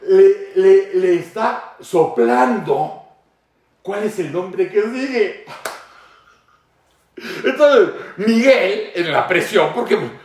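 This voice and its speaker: A man with a Mexican accent hosting satirical political commentary, mocking and playful, acting out shouts and laughing often. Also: high-pitched, animated, extremely slow, pauses often, echoey room, recorded from a distance. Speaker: host.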